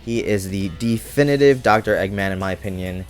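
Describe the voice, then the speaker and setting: A young man delivers scripted commentary as a video host. His voice is on the low side, with faint music playing behind him. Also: a little fast.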